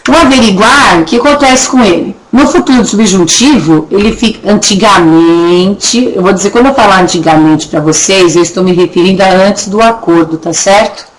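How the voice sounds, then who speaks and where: A woman teaching a recorded Portuguese grammar lesson with a Brazilian accent, chatty, checking in often with her students and slowly stretching words to show how they are pronounced. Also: medium pitch, low-quality recording. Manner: drags words out slowly to demonstrate pronunciation. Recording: faint background noise and clicks.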